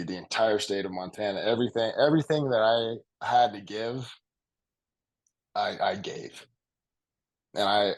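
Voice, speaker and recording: A young man with a lowish voice reflects in an interview, speaking slowly and earnestly. He repeats key phrases for weight and sounds close to tears as he holds his emotion in check. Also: low-quality recording. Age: young adult. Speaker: college football player guest.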